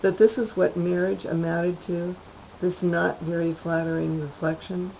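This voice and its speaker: Woman calmly reading her short story. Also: fairly low pitch, a little slow, creaky, a little hiss or hum, poor audio.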